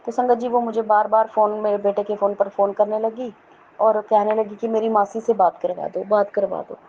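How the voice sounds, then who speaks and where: A middle-aged woman from Jammu earnestly telling a devotional testimony, often pausing to address her listeners respectfully. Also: fairly high pitch, mellow. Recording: dull lo-fi recording with faint noise.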